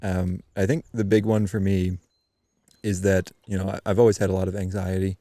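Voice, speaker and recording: A man from eastern Canada, a podcast guest, telling a story in a loose, animated way with many ums and restarts. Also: deep voice, fairly quick, no room sound. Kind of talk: casual storytelling chat.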